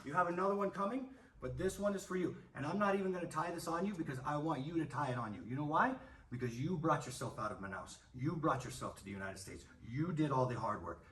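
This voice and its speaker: Bright-voiced coach speaking from across the gym. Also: male voice, on the high side, fast talker. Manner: animated, emphatic, swears freely. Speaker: martial arts coach. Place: martial arts gym, indoors. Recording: distant voice with faint room noise.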